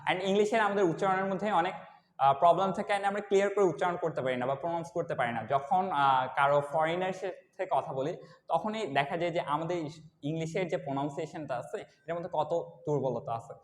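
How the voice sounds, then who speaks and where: High-voiced man teaching. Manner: explains slowly, repeats letters one by one. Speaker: English teacher. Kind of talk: classroom lesson for kids. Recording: echoey room with long reverb.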